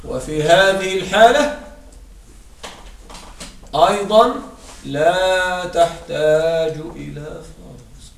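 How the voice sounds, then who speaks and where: Male grammar teacher, high voice, checks in with students a lot, recorded from a distance in a room with faint hiss. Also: creaky, roomy sound. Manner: checks understanding with frequent "right?"; recites Quranic verses slowly and drawn out. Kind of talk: classroom grammar lesson.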